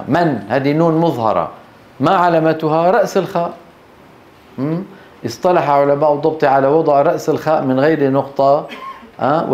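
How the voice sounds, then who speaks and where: A middle-aged man, teaching a classroom lesson on Quran recitation rules, explaining step by step and quizzing his students with quick questions. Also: fairly high pitch, a little mellow. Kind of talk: classroom lecture on tajweed.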